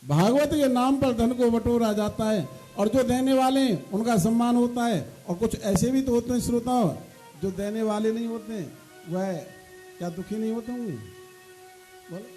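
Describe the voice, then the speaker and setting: A man preaching a devotional storytelling sermon to listeners, animated and acting out the voices of people in his stories. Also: very high-pitched. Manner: animated, acts out quoted voices. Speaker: religious storyteller.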